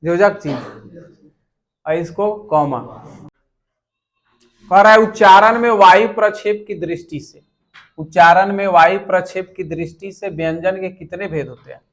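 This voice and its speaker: Slow, high-voiced teacher. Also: male voice. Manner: unhurried, repeats each question aloud. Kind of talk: exam question walkthrough.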